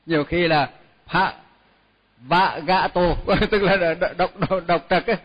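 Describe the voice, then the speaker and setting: A man teaching a chanting lesson, sounding each syllable slowly before chatting through pronunciation with small laughs. His voice sits somewhat high. The recording is dull and lo-fi, with a long hall reverb trailing behind him. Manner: slow repeated chanting of each word, then quick chatty explanation with light laughs. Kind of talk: chanting lesson with spoken explanation.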